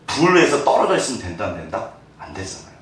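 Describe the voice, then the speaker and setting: A man's voice: lowish voice, sing-song, fast. A male pastor preaching a sermon, keeps questioning the congregation and acting out the lines he quotes. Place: church sanctuary. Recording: echoey church hall from far off.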